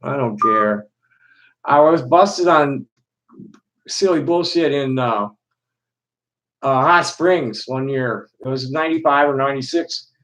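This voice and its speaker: Middle-aged Chicago man, live-stream host, rambling and halting delivery. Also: mid-range voice, a bit bright, rough recording. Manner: halting, many restarts and fillers. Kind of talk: rambling casual monologue to chat.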